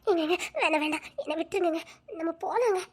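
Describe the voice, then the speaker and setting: A timid young woman, voiced by a woman, in an amateur drama. Her voice is very high and thin. She whimpers, pleads and laughs nervously. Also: sing-song, fast, a little hiss or hum. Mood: frightened, pleading. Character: timid young woman, scared of being caught.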